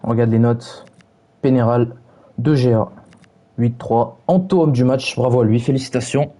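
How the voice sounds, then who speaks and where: Young man streamer, mocking and brash, very dark mellow voice, husky. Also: mid-range voice, steady tone, moderate pace. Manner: mocking, taunting chat, brash slang. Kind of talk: casual stream chat.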